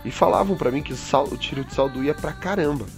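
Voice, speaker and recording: A man's voice: mid-range voice, fast talker, over music. A young man casually telling a story to friends over voice chat, acting out his own panic. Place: home, online voice chat.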